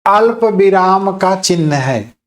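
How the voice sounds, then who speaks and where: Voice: mid-range voice, animated, slow. A teacher giving an exam-prep grammar lecture, explaining step by step and often checking in with listeners. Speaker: Hindi teacher.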